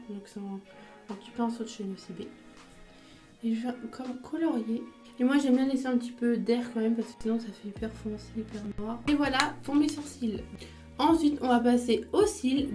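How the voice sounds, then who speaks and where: A woman's voice: on the high side, warm tone. A woman chatting casually through her makeup routine step by step, with small fillers as she goes. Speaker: beauty vlogger.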